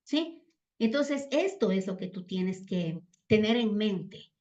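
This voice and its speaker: A woman's voice: mid-range voice, expressive, slow, darkish tone. A woman giving a Bible teaching talk, constantly checking in with the listeners through rhetorical questions. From Ecuador. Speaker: church teacher. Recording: dull lo-fi sound.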